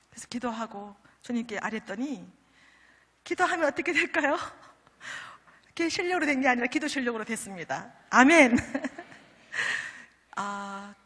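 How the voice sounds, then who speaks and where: Middle-aged woman, pastor's wife, bright ringing voice; animated testimony with acted-out prayers, sanctuary reverb. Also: a little high. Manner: animated storytelling with quoted prayers, mixing in English words. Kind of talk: church testimony talk. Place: church sanctuary. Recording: church hall reverb.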